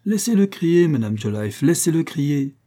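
A boastful, stubborn corporal bellows in a raised, excitable voice, as a male reader puts him on, pitching himself well above the reader's calm tone. He talks over everyone with loud, tipsy confidence in this storybook scene. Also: moderate pace. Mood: blustering. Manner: loud, blustering, excited exclamations.

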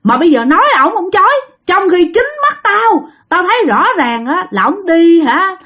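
A woman voicing a furious old grandmother who scolds her husband in a shrill, rapid, accusing voice. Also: sing-song, fairly bright tone, exaggerated voice. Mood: indignant.

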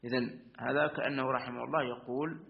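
A man teaching a lesson on Arabic grammar. He explains step by step, repeats points and affirms often, and recites verse lines slowly. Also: mid-range voice, fairly even intonation, gravelly, narrow, tinny audio. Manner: methodical, repeats and affirms with frequent asides. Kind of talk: religious-school lesson explaining a verse text.

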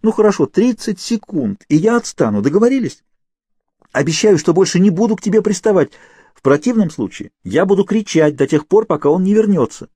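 A man voicing a desperate, defiant young woman held captive, shouting and pleading insistently. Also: fairly high pitch, very animated, rapid-fire, few pauses, no room sound, clean studio sound, voice pushed up. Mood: urgent pleading.

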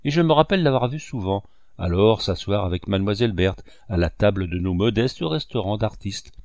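A man reading a defiant young male sculptor, brisk and blunt, with a dry close sound. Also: fairly low pitch, lively intonation, darkish tone, dry recording.

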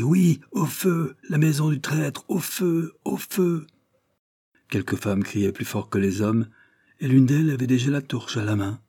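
A man narrating a historical adventure novel as an audiobook, measured and dramatic. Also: lowish voice, warm tone, breathy edge. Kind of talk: scripted narration.

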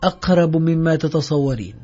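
A man's voice: fairly high pitch, a little fast, dark tone, husky. A male narrator voicing a bitter, defiant fugitive man in a terse, brooding way. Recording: dull lo-fi audio.

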